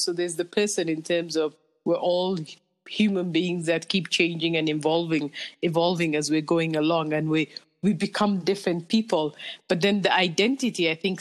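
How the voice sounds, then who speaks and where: Reflective Kenyan-born woman guest. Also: fairly low pitch. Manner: reflective, explains at length with restarts. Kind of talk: casual interview talk.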